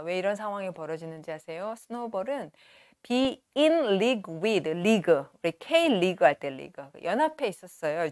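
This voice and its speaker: Woman teacher, forties, lively rising and falling pitch, dry close lapel sound, slow clear reading. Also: no room sound. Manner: animated, reads English slowly and clearly, then explains in quick asides. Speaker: English teacher. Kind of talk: lecture on a novel, reading lines aloud and explaining. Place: studio with a virtual backdrop. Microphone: lapel mic.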